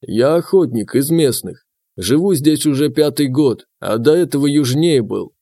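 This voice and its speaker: A man voicing a calm middle-aged local hunter with a slight foreign accent. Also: mid-range voice, normal speed, no echo, studio quality.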